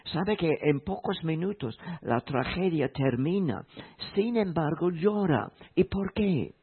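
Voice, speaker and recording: A man preaching a sermon in a slow, emphatic way, repeating key phrases. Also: on the high side, lively intonation, breathy edge. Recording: tinny phone-like sound.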